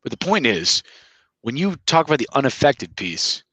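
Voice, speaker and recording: A man's voice: medium pitch, sing-song, normal speed, pushed and bright, husky, low-quality recording. A man in a casual podcast chat, giving advice in an emphatic, lecturing way and often repeating words. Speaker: podcast co-host. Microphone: headphones with mic.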